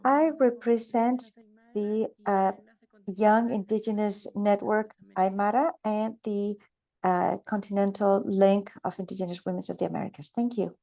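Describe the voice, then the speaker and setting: A woman's voice: medium pitch, fairly even intonation, a little slow, creaky, dark tone. A woman interpreting participants' introductions into English, speaking in the first person for each. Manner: relays others' words in first person.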